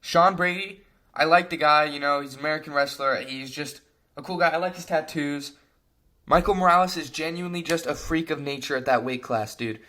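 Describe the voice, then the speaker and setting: A man's voice: fairly high pitch, brisk. A young man giving a casual fight breakdown, talking animatedly and exasperatedly, filling his sentences with slang. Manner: animated, frequent "bro", exasperated rants. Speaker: MMA commentator.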